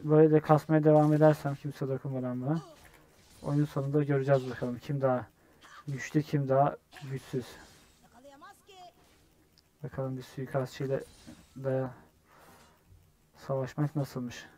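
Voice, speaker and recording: A young man giving live gameplay commentary, excitable, yelling at teammates and swearing when frustrated. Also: medium pitch, normal speed, long pauses. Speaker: gamer streamer.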